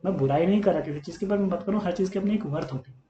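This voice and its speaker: A man's voice: high voice, rapid-fire, warm tone, highs cut off. Earnest man lecturing students. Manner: earnest and coaxing, calls students beta, repeats points. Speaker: chemistry teacher. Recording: echoey room with faint hum.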